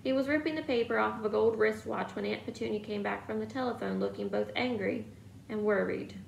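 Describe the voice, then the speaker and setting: A woman's voice: medium pitch, fairly quick, vocal fry, reverberant, slight background noise, poor audio. A woman reading a novel aloud, telling the story steadily. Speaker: reader.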